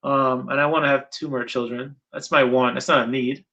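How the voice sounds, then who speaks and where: A man's voice: mid-range voice, flat delivery, normal speed, bright, forceful tone. A middle-aged man from Guyana, chatting casually as an interviewer, rambling and repeating his points for emphasis. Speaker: interviewer and channel host. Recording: dull lo-fi sound.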